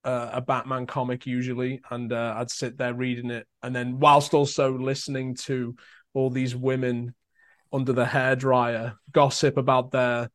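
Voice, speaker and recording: A man's voice: mid-range voice, little pitch movement, normal speed. A young man with a Liverpool accent, an actor chatting in an interview, telling stories with many fillers and restarts. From Merseyside, England. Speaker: actor guest. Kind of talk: casual interview chat.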